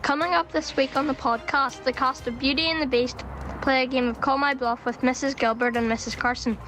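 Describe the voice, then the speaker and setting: A woman reading a podcast's line-up preview in a clear, upbeat way. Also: sits high, steady tone, a little fast, fairly bright tone, soft background music, low-quality recording. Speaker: podcast presenter.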